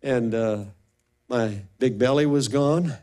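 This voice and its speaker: An older male pastor delivering a sermon testimony at a middle pitch. He tells his story with animation and slips into the voices of the people he quotes. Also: takes it slowly, warm tone.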